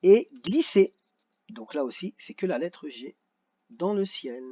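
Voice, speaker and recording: Working through a children's worksheet, a male teacher speaks slowly and in a lively way, his fairly high, slightly rough voice rising and falling a lot. He patiently sounds out every syllable, and the audio is dull and lo-fi.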